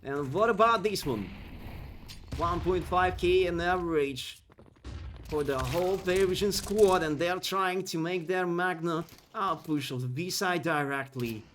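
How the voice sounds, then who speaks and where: A little hiss or hum sits under the voice of a male esports caster who is not a native English speaker. Working solo, he races through excitable play-by-play that climbs during fights, then chats with the audience between rounds.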